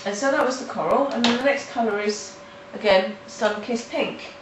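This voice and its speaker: A fairly high-voiced woman, nasal from hay fever, hosts a casual step-by-step coloring tutorial from her countryside home. She halts, restarts and fills gaps with filler words. Sound is roomy, with a distant mic and faint noise.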